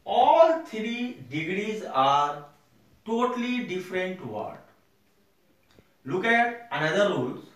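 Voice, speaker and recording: Slow-speaking man teaching grammar, echoey room. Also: sits high, sing-song. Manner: slow, repeats points for the class. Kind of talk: grammar lesson. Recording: roomy echo, distant mic.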